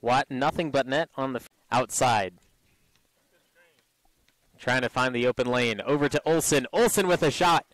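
A man calling basketball play-by-play, excited on each made shot. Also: mid-range voice, moderate pace, pauses often, no room sound, rough recording. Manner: energetic, excited calls on made shots. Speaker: play-by-play commentator.

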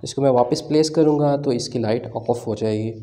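A tech channel host, a man with a Pakistani Urdu accent, leads a hands-on tutorial while working with his hands at a table. His mid-range voice is brisk and warm, and he explains casually, describing each step with plenty of fillers. There's slight background noise.

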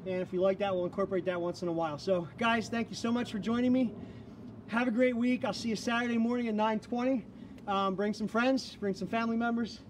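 A man's voice: high-pitched, fairly even intonation, fast talker. A man leading a live online workout class as fitness instructor, calling out counts and cues with energy. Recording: distant mic, faint background noise.

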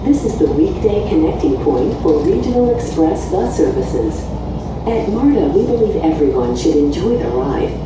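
A woman's recorded announcement voice, made of spliced-together words and played over a train loudspeaker in a clear, lively manner. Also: sits low, moderate pace, recorded from a distance. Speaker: transit announcer. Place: inside a moving train car. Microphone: onboard loudspeaker heard from a distance. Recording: echoey loudspeaker over loud train noise.

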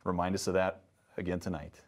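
A man in his thirties preaching a sermon from a lectern on a dark church stage, reading scripture with earnest emphasis. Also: sits low, little pitch movement, fairly quick. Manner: earnest, emphatic rises on key words, hushed in prayer. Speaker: pastor.

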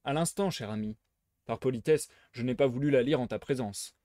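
A man reading as a smug gentleman thief. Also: medium pitch, a little fast, dry recording, clean studio sound, close to an everyday voice. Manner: playful, teasing, smugly theatrical. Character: suave mocking gentleman thief, adult man. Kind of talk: live reading of a novel aloud.

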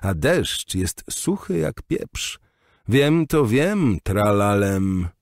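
A man's voice: low-pitched, big pitch swings, a little mellow, dry recording, clean studio sound, exaggerated voice. A man voicing a singsong mad jester. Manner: chanting nonsense rhymes, drawn-out singsong. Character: singsong mad old male jester with bells.

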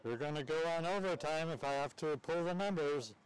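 A man's voice: a little high, a little fast. A man announcing a live outdoor contest at a cow pasture, bantering jokingly with the crowd and teasing the waiting audience. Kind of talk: casual live event announcing.

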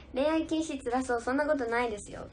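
A woman's voice: high-pitched, darkish tone, slight background noise. A young woman idol chatting casually on a livestream, giggling as she reads out and answers viewer comments. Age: young adult.

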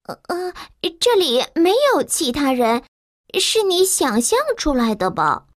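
A woman voicing a nervous servant of a giant in a children's story, giving hushed, urgent warnings. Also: sits high, big pitch swings, unhurried, no echo, studio quality, voice pushed up.

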